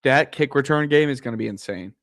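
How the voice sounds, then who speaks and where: A man co-hosting a live draft stream, calmly breaking down player roles in casual chat. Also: mid-range voice, quick pace, no echo, clean studio sound. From DC area, USA. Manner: analytical, explains player roles. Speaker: co-host. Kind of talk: casual sports analysis chat.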